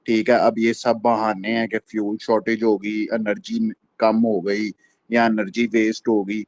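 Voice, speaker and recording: A man's voice: lowish voice, flat delivery, measured pace, darkish tone, no room sound. A man in a casual audio chat, complaining in a disappointed way about how the league is run. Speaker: caller in a cricket audio chat. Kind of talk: casual rant.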